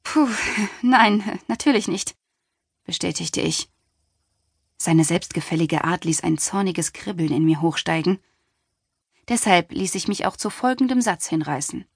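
A woman narrating a contemporary novel in the first person, with a wry, lively storytelling manner, recorded on a studio microphone. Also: lowish voice, normal speed, gravelly, breathy edge, no echo. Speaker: audiobook narrator.

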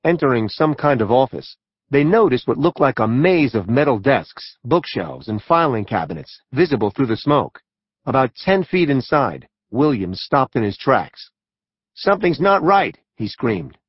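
A male narrator reads a true-crime audiobook in a measured, even style, at a mid pitch for a man. The recording is dry and close. Its sound is dull and lo-fi. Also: no echo.

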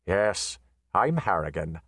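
A man doing a soft-spoken, wry frontier tough. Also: low-pitched, big pitch swings, takes it slowly, husky, no room sound, full character voice. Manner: soft-spoken, dry and understated. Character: calm, wry, dangerous male western chore boy.

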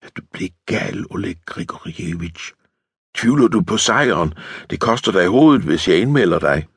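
A stubborn young woman tank sergeant snaps back in curt, defiant retorts, as a male narrator puts her on. Her voice sits raised above his own deep register, with a husky edge. The sound is close and dry, with no room around it. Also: very animated, dry recording, full character voice. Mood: sharp.

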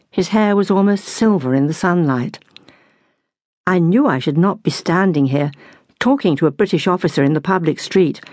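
A woman reading a novel aloud in first person, measured and reflective, on a close studio mic. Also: lowish voice, darkish tone, no room sound. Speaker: audiobook narrator. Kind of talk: scripted first-person narration.

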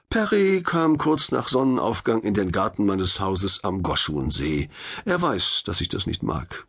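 A man narrating an audiobook in the first person, wry and confiding, with expressive reading. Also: medium pitch, creaky, slightly rough.

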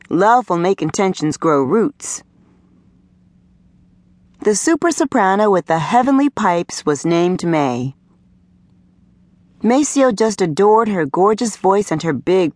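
A woman narrating an audiobook in a smooth, conversational storytelling manner, close to a studio mic. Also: on the low side, no room sound. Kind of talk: scripted narration. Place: recording studio.

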